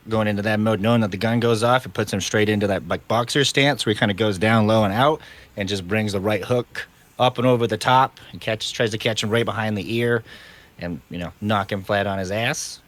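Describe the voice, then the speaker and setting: A man's voice: lowish voice, brisk, a bit bright. A man playing a tabletop game, describing his character's action in a rambling way. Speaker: player. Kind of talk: casual tabletop play.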